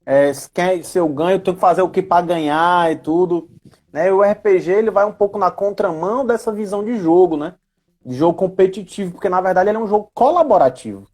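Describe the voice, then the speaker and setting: Speaking fairly quickly in a voice that sits high and sounds a little mellow, this man is an educator appearing as a guest on a live chat. His accent is Northeastern Brazilian, from Ceará, and his explanations are relaxed and chatty, peppered with tag questions.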